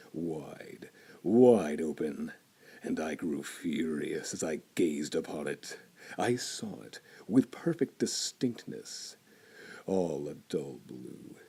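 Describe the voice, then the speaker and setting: A deep, husky male narrator reads a classic horror story dramatically. His delivery is theatrical, swinging between hushed whispers and loud intensity.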